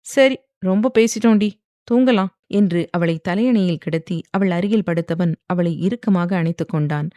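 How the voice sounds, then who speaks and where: Casting: a woman reading a romance novel, steady and close-miked. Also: lowish voice, no room sound. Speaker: audiobook narrator.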